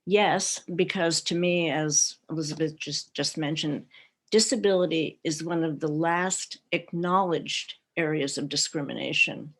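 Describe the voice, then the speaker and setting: A woman's voice: deep voice, steady tone, a little slow. A middle-aged woman shares her family's experience on a panel, speaking over a video call. She tells her story in a reflective way and laughs lightly at times. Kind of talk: personal talk at an online panel.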